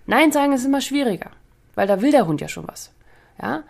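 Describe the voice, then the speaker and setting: A woman dog trainer hosting a podcast lesson in a chatty, lively way, often checking in with listeners and laughing between points. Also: sits high, a little fast, creaky. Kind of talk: casual spoken podcast lesson.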